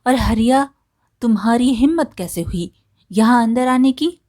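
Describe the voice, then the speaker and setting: A woman's voice: medium pitch, slow, a little mellow, no room sound, studio quality, natural voice. A woman voicing an arrogant middle-aged male landlord who scolds with contempt, in a storybook tale. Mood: angry.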